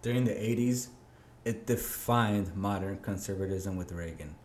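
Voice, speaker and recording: A man's voice: low voice, normal speed, a little mellow. Young male co-host, emphatic and opinionated, echoey roomy sound with faint background hiss. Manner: emphatic, opinionated, rises when arguing. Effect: echoey sound on his voice. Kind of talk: casual political chat.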